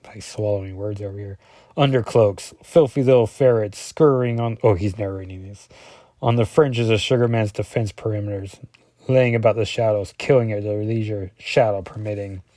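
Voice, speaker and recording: Male comic reviewer, mellow low-key tone, dry close sound, rambling and jokey. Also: steady tone, normal speed, no room sound. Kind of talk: casual comic book review.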